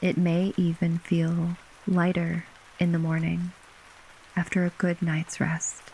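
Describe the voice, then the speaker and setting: Woman, sleep story narration, soothing, slightly low voice, very steady intonation, unhurried phrasing, rain ambience. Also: a little hiss or hum, low-quality recording. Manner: gentle, unhurried, with long pauses between short phrases. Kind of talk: slow, soothing bedtime relaxation narration. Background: rain falling.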